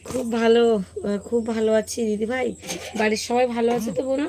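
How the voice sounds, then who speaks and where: A woman, hoarse today, hosting a casual live stream and greeting viewers one by one. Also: a little high, fairly even intonation, brisk, noisy background.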